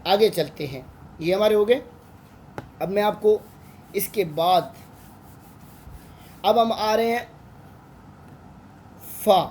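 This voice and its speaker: A man's voice: sits high, slow, long pauses, a little mellow, a little hiss or hum. A man with a Pakistani Urdu accent, an online Quran tutor patiently teaching Arabic letters and drawing out each sound.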